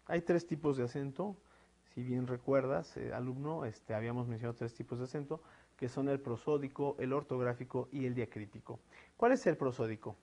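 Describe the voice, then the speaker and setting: Man, teacher in a recorded lesson, explanatory tone, filler-heavy speech, mid-pitched voice. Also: fairly quick, mellow. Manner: explanatory, with frequent fillers "eh" and "este" and tag "¿no?".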